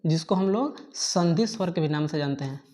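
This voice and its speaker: A woman teacher dictates a grammar lesson at a steady, unhurried pace. She repeats every definition and keeps checking in with small fillers so her students can keep up with their notes. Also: sits low. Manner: repetitive, dictating slowly, frequent checking fillers.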